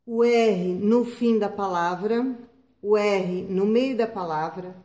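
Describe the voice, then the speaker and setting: Slow, patient teacher woman. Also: medium pitch, warm tone. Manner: slow, patient, stretches out words, repeats "tá?" and "né?". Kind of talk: children's spelling lesson. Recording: echoey room.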